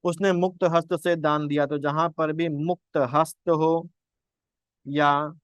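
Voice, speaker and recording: A man's voice: a little high, flat delivery, takes it slowly, clear, resonant tone, no echo. A young man teaching grammar for an exam. He poses questions, answers them himself, and keeps repeating his points. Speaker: exam-prep Hindi teacher.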